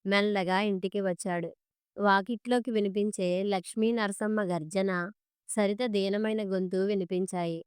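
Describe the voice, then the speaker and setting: A woman narrating a story in a steady, measured reading voice. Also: mid-range voice, clean tone, dry recording, clean studio sound.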